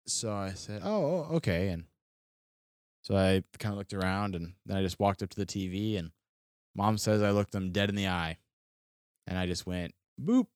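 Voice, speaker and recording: A young man from Florida tells a story on a podcast in a deep, smooth voice. He rambles, restarts sentences and fills gaps with "um" and "like." The sound is close and dry, with no room echo. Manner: rambling, full of fillers and restarts. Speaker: podcast co-host. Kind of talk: casual storytelling. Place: studio.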